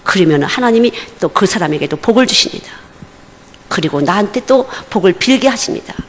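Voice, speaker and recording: A woman's voice: medium pitch, lively intonation, brisk. Woman preaching in a reverberant church. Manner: emphatic, repeats short phrases. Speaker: missionary preacher. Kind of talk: sermon. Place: church during a Wednesday service.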